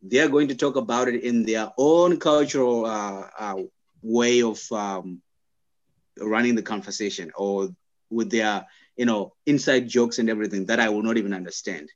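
A young man from Zimbabwe, a guest in an interview, speaking thoughtfully and haltingly with many restarts and fillers. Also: fairly low pitch, muffled recording. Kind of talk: conversational interview.

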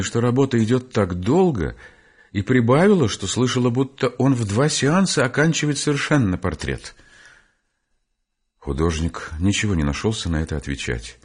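A man narrating an audiobook of classic literature in a measured, unhurried storytelling manner. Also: fairly low pitch, darkish tone, husky.

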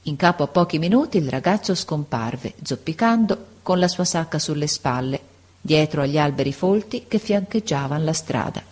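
Brief: woman narrator, lower voice, expressive measured storybook reading. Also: husky.

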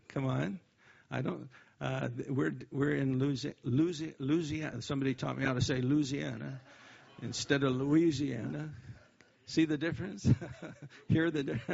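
A man preaching at a church service, his voice gravelly and husky. He talks in a folksy, joking way, dropping amens and praise Gods between points. The recording is dull and lo-fi. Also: mid-range voice. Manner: folksy, joking, peppered with "amen" and "praise God". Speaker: missionary preacher. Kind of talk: sermon.

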